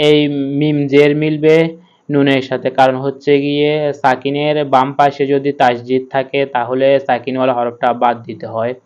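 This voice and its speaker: A man teaching Quran reading. He spells out each letter slowly and then chants the whole word. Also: mid-range voice, a little mellow, clear, resonant tone. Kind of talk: step-by-step recitation lesson.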